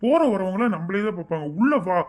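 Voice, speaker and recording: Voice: mid-range voice, animated, fast talker, a little mellow, lightly acted. A harried young husband, as a voice actor plays him. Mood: pleading. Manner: pleading, exasperated.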